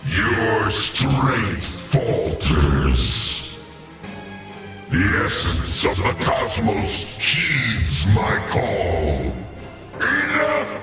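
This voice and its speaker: An actor playing a mighty, wrathful corrupted titan keeper in a video game, making booming, grandiose proclamations. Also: male voice, creaky, far from the mic, heavily acted. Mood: furious. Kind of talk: video game boss acting. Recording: loud music behind, roomy reverb. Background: music.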